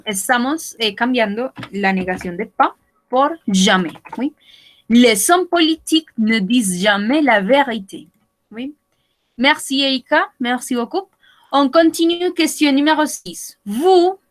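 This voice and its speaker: Female language teacher, slightly high, unhurried delivery, patient and encouraging, video-call sound. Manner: patient, repeats and checks in with students. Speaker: French teacher. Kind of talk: online language class.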